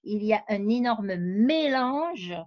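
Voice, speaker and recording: A woman's voice: fairly high pitch, lively intonation, takes it slowly, dry recording. A woman researcher and novelist, interviewed, explaining her ideas at length with frequent hesitations. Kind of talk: conversational interview. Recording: dull lo-fi dry sound.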